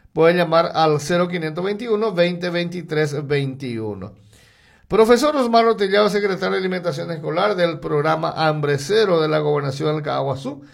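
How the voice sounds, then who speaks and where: On live radio, a Paraguayan announcer with a gravelly, high male voice runs through local advertisements. He speaks Paraguayan Spanish laced with Guarani, rattling off lists quickly in a sing-song rise and fall of pitch and volume.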